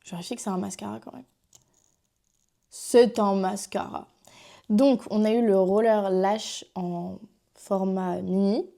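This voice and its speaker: A young woman with a French accent talks through her makeup haul in a loose, rambling way, full of fillers and restarts. Her voice is mellow and warm rather than bright, at an ordinary pitch for a woman. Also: fairly even intonation, measured pace, gravelly, long pauses. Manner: chatty, rambling with many fillers. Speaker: vlogger. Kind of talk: casual makeup haul chat.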